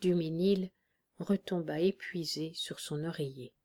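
A woman narrating a classic novel as an audiobook in a measured, even reading. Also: low voice.

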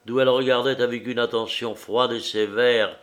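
A man reading a novel aloud as narrator in a measured, deliberate way. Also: mid-range voice, steady tone, fairly bright tone.

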